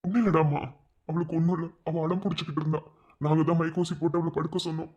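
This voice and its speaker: A husky, soft voice of a worried young husband, as a performer acts him out in a cartoon. He comforts gently in a Madurai Tamil accent, on dull lo-fi audio. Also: medium pitch, little pitch movement, rapid-fire, natural voice. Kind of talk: cartoon voice acting.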